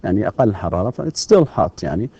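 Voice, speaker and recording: A man teaching English in a distance-learning lecture. He moves between English and Arabic and drills example sentences slowly. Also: fairly low pitch, very animated, vocal fry, mellow, breathy edge. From Saudi Arabia. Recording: dull lo-fi lecture recording.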